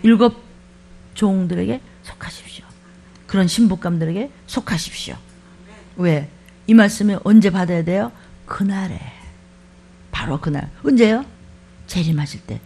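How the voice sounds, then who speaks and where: A woman pastor preaching a sermon, animated, acting out quoted voices and swinging between loud exclamations and hushed asides. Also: mid-range voice, moderate pace, vocal fry, pauses often, husky.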